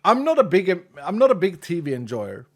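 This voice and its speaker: This man's voice sits high and a little mellow, moving fairly quickly with huge swings in pitch. Born in Sweden and a native Swedish speaker, he speaks English with a Swedish accent in a slightly raised voice, reading chat while gaming, laughing at himself often, and trailing off mid-sentence.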